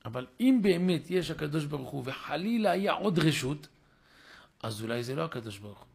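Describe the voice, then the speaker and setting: A man's voice: very animated, creaky, slightly rough. A man, a rabbi, giving a sermon in a synagogue and telling a story, acting out its dialogue with rising and falling voice. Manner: acts out the story's dialogue with shifting pitch and loudness. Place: synagogue, live stream.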